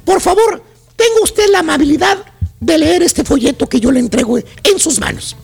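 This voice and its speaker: Man doing a Mexican saleswoman, slow syrupy pitch, gravelly, cynical. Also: expressive, exaggerated voice. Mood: smooth-talking. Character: cynical female pamphlet saleswoman at a mall.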